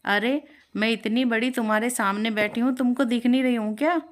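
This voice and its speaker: A woman's voice: fairly high pitch, steady tone, a little fast, close to an everyday voice. A woman voicing a vain, bossy older mother-in-law who talks in a snappy, scolding way. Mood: angry.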